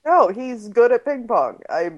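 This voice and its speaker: A woman's voice: fairly high pitch, sing-song, measured pace, dull audio. A woman co-hosting a casual podcast chat, enthusiastic and laughing often.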